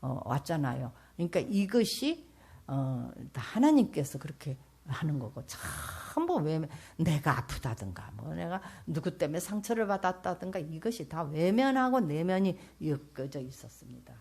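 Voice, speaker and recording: An older woman from South Korea giving an earnest church testimony as a pastor's wife, speaking straight to the audience and swinging between loud and soft. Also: low voice, sing-song, normal speed, creaky, slightly rough. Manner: earnest, addresses the audience directly.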